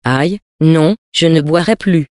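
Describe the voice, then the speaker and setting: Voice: mid-range voice, slow pace, darkish tone, no room sound, studio quality, natural voice. Reader doing a groaning plump village priest. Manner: groaning, pleading vows. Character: plump, wine-loving village priest, man. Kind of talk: storybook reading.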